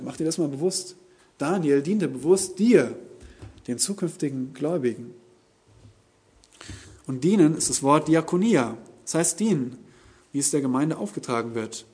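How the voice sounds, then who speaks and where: A man preaching an expository sermon, teaching deliberately and with emphasis. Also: a little high, a little mellow, breathy edge.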